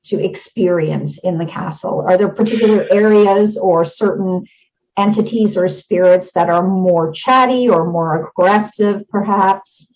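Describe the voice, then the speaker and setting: A woman's voice: lowish voice, a little slow, a little mellow, low-quality recording. A woman hosting a casual interview, asking friendly, encouraging questions. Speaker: host.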